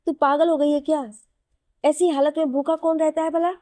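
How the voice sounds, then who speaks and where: A woman's voice: high voice, animated, moderate pace, dark tone, dry recording, voice pushed up. A woman voicing an elderly grandmother who scolds with love in a spoken story. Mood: fond scolding. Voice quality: fond, chiding tone.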